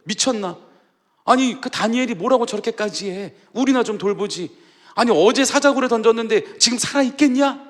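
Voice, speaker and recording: A man's voice: extremely high pitch, normal speed, pitched above the performer's own voice. Preacher mimicking grumbly courtiers scoffing at the king, echoey church. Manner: scoffing, incredulous. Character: grumbling royal courtiers, puzzled and mocking. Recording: reverberant church sanctuary.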